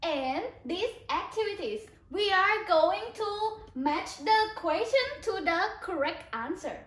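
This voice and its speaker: A Thai-accented woman teaches young children online in a very high, bouncy voice that swoops up and down. She speaks slowly and leads them through repeated questions in a sing-song way, sounding hoarse. The echoey room adds a roomy ring to her voice. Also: lively intonation. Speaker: kindergarten English teacher.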